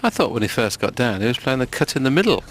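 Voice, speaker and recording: A man giving hushed, measured and analytical live snooker commentary. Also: mid-range voice, very animated. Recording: audience and clicking sounds behind. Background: snooker hall audience, clicks.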